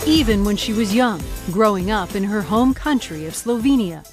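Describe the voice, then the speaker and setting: A woman hosting a news documentary in measured, dramatic scripted narration. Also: medium pitch, animated. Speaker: documentary host. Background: music.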